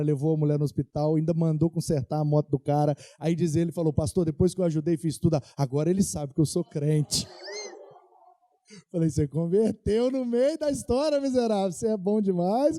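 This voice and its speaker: A man's voice: a little high, no echo. A young Brazilian man preaching as a pastor, telling playful anecdotes and acting out the dialogue. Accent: Brazilian Portuguese. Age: young adult. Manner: animated anecdotes, playful, acts out quoted dialogue. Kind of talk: storytelling sermon.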